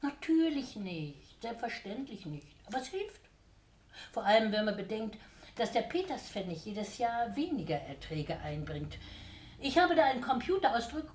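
A woman's voice: sing-song, moderate pace, roomy sound, slight background noise. A woman playing the wheedling Devil. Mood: eager pitch. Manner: wheedling, theatrical, swings between whining and eager pitching. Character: scheming fawning male Devil, wheedling salesman.

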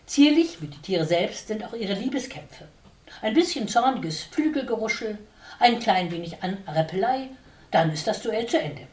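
A woman reading nature stories aloud with expressive, lively storytelling. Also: medium pitch, normal speed. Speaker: reader. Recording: roomy, distant mic.

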